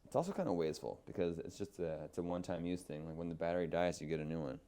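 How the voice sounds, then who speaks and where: A man's voice: deep voice, animated, very fast, mellow. A man in his thirties, a podcast guest, chatting casually in a rambling way full of fillers. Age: 30s. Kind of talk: casual chat.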